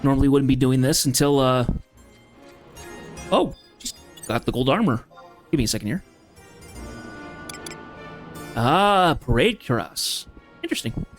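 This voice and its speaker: A man's voice: medium pitch, moderate pace, long pauses, soft background music. A man streaming a game live, talking casually and rambling with fillers.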